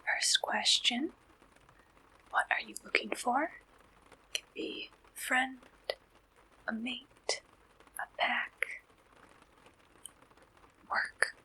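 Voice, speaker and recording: A woman performs an ASMR receptionist roleplay in a soft, breathy whisper close to the microphone, sounding gentle, reassuring, and unhurried. Her voice is a little high, and the audio quality is poor.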